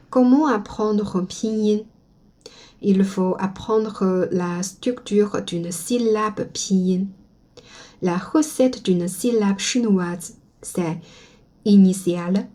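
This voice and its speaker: Slow, mellow-voiced woman teaching Chinese. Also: mid-range voice. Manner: slow and careful, models sounds for repetition. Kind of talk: slow spoken language lesson.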